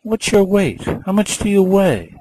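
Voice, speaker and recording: A man's voice: sits high, very animated, a little slow, mellow, a little hiss or hum, voice pushed up, poor audio. A man voicing a curious student who eagerly questions his teacher in a raised voice.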